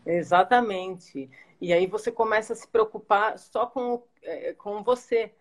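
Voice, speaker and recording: A woman's voice: mid-range voice, fairly even intonation, unhurried. Hesitant woman guest on a video call. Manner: soft, hesitant, many restarts. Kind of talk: interview answers.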